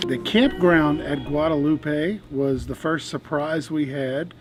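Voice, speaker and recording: A man's voice: on the high side, fairly even intonation, slow pace, loud music behind the voice, low-quality recording. A man hosting a family travel vlog in a friendly, casual way, a little nervous on camera.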